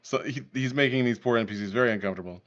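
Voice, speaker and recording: A man's voice: mid-range voice, racing, a bit bright. A man hosting a live podcast stream, reacting casually and laughing often. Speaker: podcast host. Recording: dull lo-fi stream audio.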